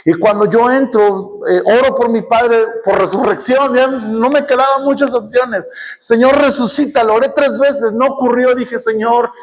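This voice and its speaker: High-voiced Mexican pastor preaching. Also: male voice. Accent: Mexican Spanish. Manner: storytelling, rising to passionate shouting. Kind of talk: sermon. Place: church.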